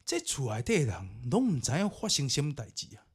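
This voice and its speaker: A podcast host with a Taiwanese accent, whose first language is Taiwanese Hokkien, narrates ghost stories and comments on them in a theatrical, colloquial way. His mid-range voice is slightly rough, brisk, and swoops wildly in pitch.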